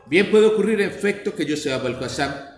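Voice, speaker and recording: A man voicing a confused young man who shouts orders, believing he is the caliph, in a storybook reading. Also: a little high, lively intonation, fairly quick, lightly acted. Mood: dazed. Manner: shouting, commanding, indignant. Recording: echoey room with faint noise.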